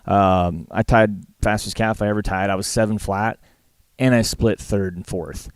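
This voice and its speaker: A man's voice: on the low side, steady tone, moderate pace, smooth, dry recording. A middle-aged man with a Western Canadian accent chats casually in an interview, plain-spoken and folksy. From Alberta, Canada. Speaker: guest, livestock auctioneer and former calf roper.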